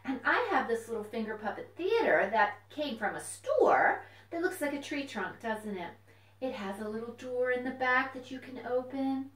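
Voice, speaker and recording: Her voice is fairly high with big pitch swings and a moderate pace as she hosts storytime for young children indoors at home. The children's librarian keeps her phrases simple, asks questions and offers encouragement, heard through a distant mic in an echoey space.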